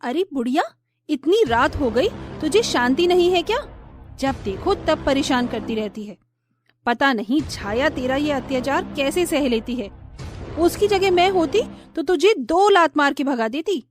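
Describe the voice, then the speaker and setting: A woman voicing a vain, haughty young daughter-in-law in a storybook tale, who talks in a shrill, sneering, bossy way. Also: lively intonation, unhurried, faint music behind. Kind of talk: storybook voice acting.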